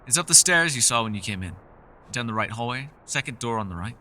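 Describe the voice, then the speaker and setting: In fantasy ASMR roleplay voice acting, a man plays a centuries-old elf who is gentle, socially awkward and chatty, using formal, old-fashioned, apologetic phrasing. He talks fast in a medium-pitched, expressive voice with a welcoming mood, and slight background noise is audible.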